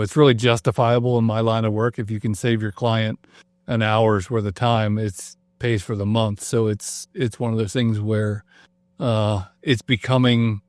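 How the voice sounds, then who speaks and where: A man guesting on a podcast, explaining in a relaxed, agreeable way. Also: mid-range voice, no echo. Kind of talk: casual conversation.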